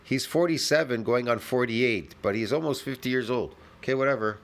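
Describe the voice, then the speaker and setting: A man's voice: mid-range voice, a little fast. A man giving blunt, casual commentary as he reacts to a clip, brash and argumentative, swearing freely.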